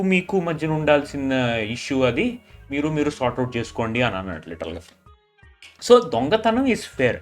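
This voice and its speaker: A man recapping a reality show episode in casual chat, mixing English into Telugu with a Telugu accent and acting out the contestants' quarrels in quoted lines. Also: on the high side. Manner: mixes English into Telugu, repeats "literally" often, retells quarrels in quoted lines.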